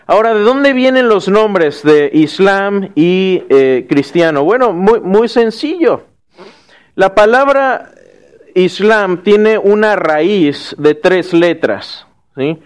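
High-voiced man teaching a class. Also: lively intonation, slow pace, smooth. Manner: checks in with frequent "¿sí?" and restarts words. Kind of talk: classroom lecture with questions to students.

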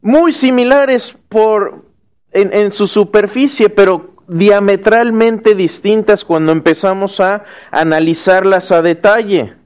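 A man teaching a class. He lectures and asks his students questions, checking in often with quick tag questions and restarting words as he goes. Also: sits high, steady tone, a little mellow, clear, resonant tone.

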